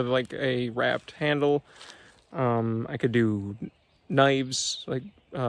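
A young man in his twenties, a small business owner, talking casually to a phone camera outdoors in the woods, rambling with many fillers and restarts. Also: medium pitch. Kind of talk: casual vlog talk. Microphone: phone at arm's length.

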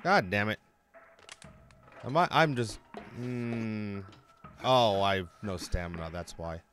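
A man's voice: fairly low pitch, takes it slowly, a bit bright, faint music behind. A man hosting a gaming channel, giving chatty let's-play commentary, talking to himself and the enemies and swearing when he gets hurt.

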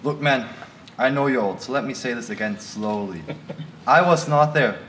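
A man's voice: mid-range voice, normal speed, fairly bright tone, slight background noise, lightly acted. A man playing a sullen, mocking fourteen-year-old boy in an amateur stage play. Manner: mocking, insolent. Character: sullen, sarcastic teenage boy.

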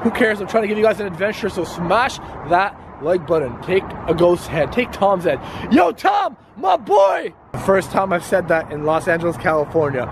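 A young man in an excitable, slangy, casual vlog to camera, filming himself outdoors. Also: high-pitched, brisk, hardly any pauses. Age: young adult. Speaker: vlogger, host of the channel. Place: outdoors on a road bridge at night. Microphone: camera held at arm's length. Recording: noisy outdoor street with traffic.

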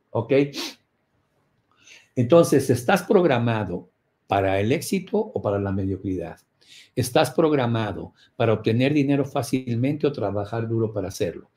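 A middle-aged man teaches a prosperity course, firing off rhetorical questions and acting out scenes with loud cries. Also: medium pitch. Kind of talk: motivational lecture.

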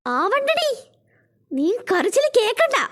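A woman voicing a menacing male kidnapper in a cartoon, snarling threats with sudden loud jumps. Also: very high voice, very animated, slow, exaggerated voice. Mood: threatening. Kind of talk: cartoon voice acting.

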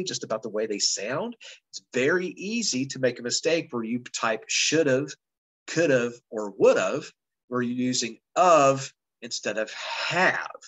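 A man's voice: medium pitch, a bit bright, low-quality recording. Rambling conversational male teacher. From West Virginia, United States. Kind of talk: casual lecture on grammar.

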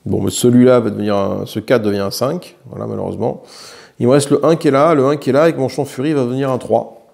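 A man's voice: medium pitch, fairly even intonation, fast, gravelly, a little mellow. A man with a French accent playing a solo board game, thinking aloud as he counts dice and swears lightly at bad rolls. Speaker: board game player narrating his solo play.

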